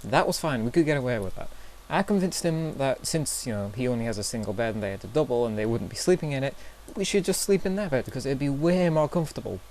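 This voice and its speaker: A man's voice: medium pitch, expressive, fast, few pauses, a little mellow, slight background noise. A young man vlogging in a casual, self-deprecating way, telling awkward stories with nervous fillers. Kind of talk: casual storytelling vlog.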